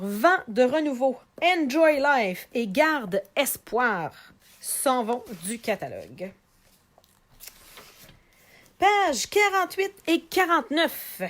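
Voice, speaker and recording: A middle-aged woman with a Québécois French accent, chatting live to viewers while showing craft products for sale. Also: fairly high pitch. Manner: chatty, animated, talks to viewers directly. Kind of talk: live video sales chat.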